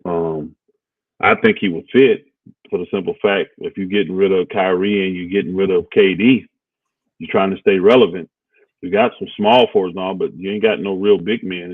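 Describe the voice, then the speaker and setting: A man's voice: low voice, no room sound. A man co-hosting a casual basketball talk stream, laid-back and rambling, thinking aloud with lots of fillers. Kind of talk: casual sports talk livestream. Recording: dry, phone-like audio.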